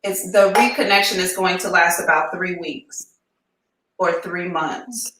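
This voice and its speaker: A woman's voice: lowish voice, measured pace, sharp tone, recorded from a distance. American woman chatting in an echoey empty room. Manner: chatty, informal and candid, with slangy phrasing. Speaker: psychic reader hosting a live advice show. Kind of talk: casual live-stream chat. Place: emptied-out room indoors.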